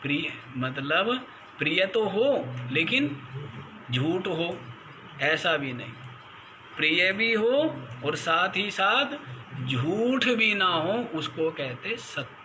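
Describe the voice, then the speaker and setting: A man's voice: fairly high pitch, lively intonation, slow, bright, forceful tone, slight background noise, rough recording. A man, a swami, giving a spiritual discourse on scripture. He chants Sanskrit verses and keeps asking his listeners questions. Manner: asks the listeners rhetorical questions; scolding, mocking tone. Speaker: swami teaching the Gita.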